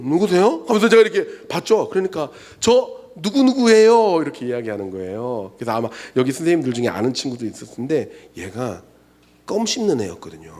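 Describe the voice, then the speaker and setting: Animated Korean youth pastor preaching. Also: male voice, medium pitch, slightly rough. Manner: animated storytelling, acts out quoted voices, drops to soft hushed tones for emphasis. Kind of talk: sermon. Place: church sanctuary.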